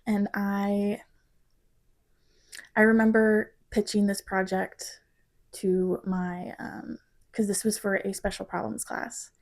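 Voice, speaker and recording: A woman's voice: medium pitch, flat delivery. Reflective young woman vlogging. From Missouri. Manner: emotional, halting, reflective. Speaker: design student vlogger. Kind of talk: reflective vlog talk.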